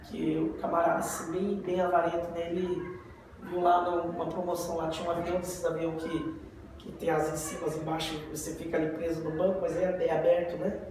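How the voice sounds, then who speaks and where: A Brazilian man leads a relaxed Bible study, chatting, joking and throwing rhetorical questions at his listeners. His voice sits high, and he stands well back from the mic in a very echoey room. Steady background noise runs under the whole recording. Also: brisk, far from the mic. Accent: Brazilian Portuguese. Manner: conversational, tells jokes, asks rhetorical questions. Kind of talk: casual Bible study teaching.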